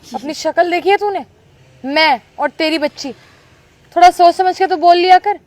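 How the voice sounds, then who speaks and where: In a short acted skit, a woman plays a rude ex-girlfriend, an arrogant young woman who sneers at and insults her elders with contempt. Her voice is very high, a little mellow, at normal speed, with no echo.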